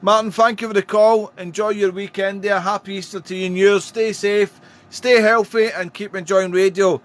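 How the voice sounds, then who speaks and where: In a high voice at normal speed and a steady tone, a male radio amateur exchanges friendly small talk and reads out phonetic call signs. The contact calls come with clear radio noise in the background.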